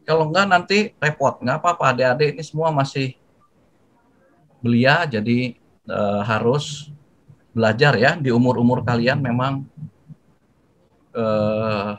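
An older man giving a lively, jokey talk to students, acting out greetings as he goes. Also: medium pitch, unhurried, pauses often, low-quality recording. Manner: jokey, animated, acts out greetings. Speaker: guest speaker.

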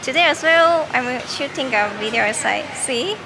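A woman's voice: high-pitched, animated, normal speed, over music, rough recording. A Japanese woman vlogger with a Japanese accent, chatting casually and upbeat to her viewers while talking through a face mask. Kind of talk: casual vlog chat. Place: food court, indoors. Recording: loud ambient noise behind.

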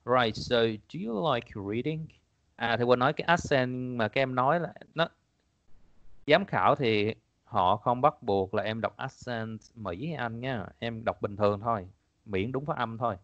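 A man's voice: medium pitch, moderate pace, a bit bright, no room sound, highs cut off. A man teaching an online exam-prep class in a casual, chatty way, repeating his points and laughing often. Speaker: English teacher.

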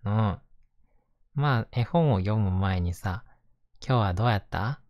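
Soft Kansai man, intimate ASMR, dry sound. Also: fairly low pitch, lively intonation, measured pace, no echo, dull audio. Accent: Kansai Japanese. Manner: gentle, casual, reassuring. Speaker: host reading bedtime picture books to listener. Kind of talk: intimate ASMR bedtime talk.

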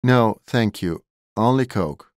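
A man's voice: fairly low pitch, slow pace, no echo, studio quality, pitched above the performer's own voice. A man voicing a wary twenty-year-old male Polish tourist who answers in curt, exasperated English. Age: 20s.

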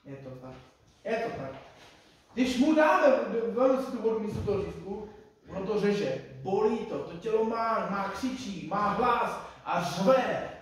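A middle-aged man preaches an informal sermon, his fairly high voice bouncing around a very echoey church hall. He sits well back from the mic and talks conversationally, repeating himself and turning to the audience with questions. A faint hiss lies under the sound. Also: very animated. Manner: conversational, repeats phrases, addresses listeners directly. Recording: echoey room, distant mic.

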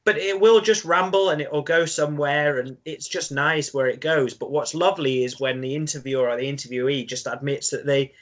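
A man's voice: fairly high pitch, steady tone, brisk, few pauses. A man who is a secondary school teacher, talking as a guest in a casual conversation, thoughtful and self-deprecating, repeating words as he thinks.

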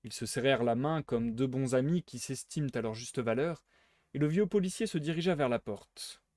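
A man narrating a classic novel aloud in a measured, expressive way during a live stream. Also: medium pitch, no echo, studio quality. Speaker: streamer reading a book aloud.

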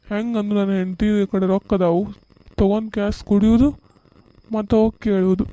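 Woman doing a bossy drunk husband, north karnataka accent, mellow tone, kinda muffled lo-fi. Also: medium pitch, level tone, a little fast, no room sound, close to an everyday voice. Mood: boastful. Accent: North Karnataka Kannada. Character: drunken village husband, middle-aged man, lazy and bossy.

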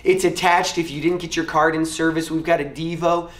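A man's voice: fairly high pitch, fairly even intonation, fairly quick. Man, pastor, upbeat encouraging youth talk, roomy echo, a bit distant from the mic. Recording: echoey room, off-mic.

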